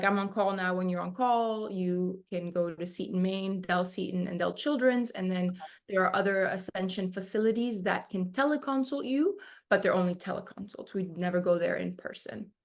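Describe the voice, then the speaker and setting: A woman's voice: fairly low pitch, moderate pace, gravelly. A woman in her twenties from Argentina, a resident talking casually in an interview with lots of fillers. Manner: conversational, many fillers. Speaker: dermatology resident guest.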